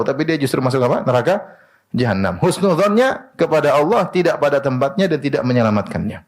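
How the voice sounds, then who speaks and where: A man preaching a sermon in an animated way, asking rhetorical questions and answering them himself. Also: on the high side.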